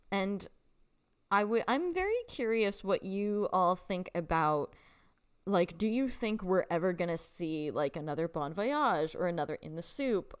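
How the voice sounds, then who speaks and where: A young woman hosting a live stream, talking casually with her viewers. Her voice sits fairly low for a woman, and her talk is loose and friendly, full of "um" and "like", with frequent laughs. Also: smooth. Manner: chatty, filler-heavy, laughs often, reads chat aloud. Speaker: livestream host.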